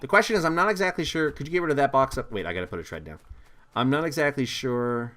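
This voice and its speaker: A man in casual chat while playing a game with his brother, joking and talking quickly. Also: mid-range voice, animated, fairly bright tone. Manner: joking, quick, breaks into laughs.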